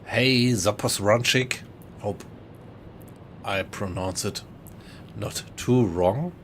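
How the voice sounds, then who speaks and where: A man's voice: fairly low pitch, drawn-out words, a little hiss or hum. A man with a German accent, casually commentating a live game stream and chatting with viewers. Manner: relaxed, chatty, greets viewers in chat.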